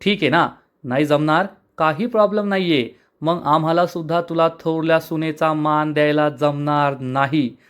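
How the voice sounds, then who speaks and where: A man's voice: on the high side, fairly even intonation, clean tone, close to an everyday voice. A man reading a stern older patriarch. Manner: firm, measured rebuke.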